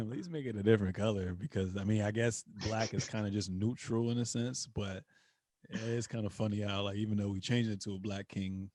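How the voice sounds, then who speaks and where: A man's voice: fairly low pitch, darkish tone. A man hosting a podcast in casual chat, easygoing and agreeable. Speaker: podcast host. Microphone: remote recording.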